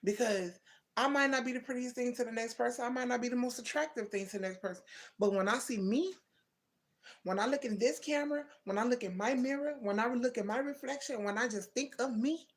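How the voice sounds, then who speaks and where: A woman in her thirties, her voice a little high and a little fast, hosts a laid-back live chat. She speaks directly to viewers, answers what they write in the comments, and calls them "baby" and "twin."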